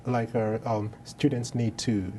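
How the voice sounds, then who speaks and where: A man's voice: mid-range voice, little pitch movement, a little slow, mellow, a little hiss or hum. A man hosting a TV interview, asking loose, rambling questions. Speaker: TV show host.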